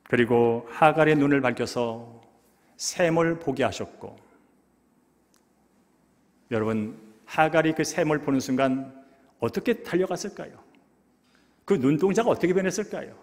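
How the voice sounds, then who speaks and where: Emotive pastor preaching in a church hall. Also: male voice, on the high side, normal speed, pauses often. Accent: Korean. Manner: emotive, swings from hushed to loud. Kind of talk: sermon. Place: church sanctuary. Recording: long church hall reverb.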